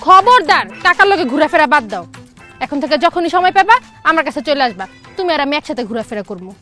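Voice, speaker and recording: A woman's voice: high voice, sing-song, fast talker, sharp tone, faint music behind, exaggerated voice. A woman playing a sulky young girlfriend. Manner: pouting, demanding.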